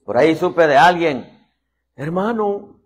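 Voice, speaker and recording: A man delivers a lively sermon in a slightly high, husky voice. His pitch swings widely as he acts out little scenes and voices. He keeps addressing the listeners as "hermano". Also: moderate pace. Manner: animated preacher acting out voices, constantly saying "hermano". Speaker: apostle preaching.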